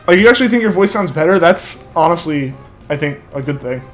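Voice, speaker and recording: Streaming a game live, a young adult man rambles along, reading viewer comments and padding almost every phrase with "like." His voice runs a little high for a man, expressive and brisk, captured by a headset mic that feeds back to his headphones. Faint game music plays beneath him.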